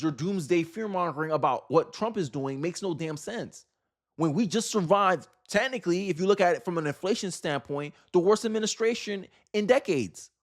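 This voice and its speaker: An exasperated, emphatic American man shares casual, opinionated views on politics, peppering them with rhetorical questions. His voice is high.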